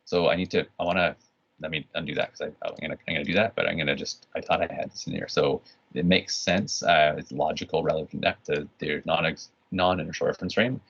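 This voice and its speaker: A man's voice: rumbling low, fairly even intonation, quick pace, vocal fry, fairly bright tone, husky. A man teaching an online physics lesson in a casual, rambling way, full of restarts and "right?" checks. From Canada. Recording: dull lo-fi recording.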